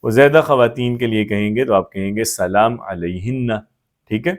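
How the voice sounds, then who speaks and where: A man teaching Arabic grammar, patiently repeating each form and often checking that the class has understood. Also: fairly low pitch. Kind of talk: explanatory grammar lesson.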